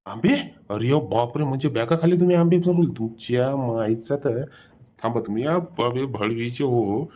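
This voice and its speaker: A man's voice: mid-range voice, moderate pace, close to an everyday voice. A foul-mouthed, threatening orchard owner, voiced by a man for a cartoon, scolding. The recording sounds dull and lo-fi. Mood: furious. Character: angry middle-aged male mango orchard owner, foul-mouthed.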